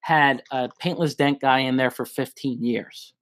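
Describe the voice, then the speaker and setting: A man's voice: mid-range voice, measured pace. A man hosting a live show, chatting casually and telling work stories with many restarts. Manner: storytelling, relaxed, lots of restarts. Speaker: host.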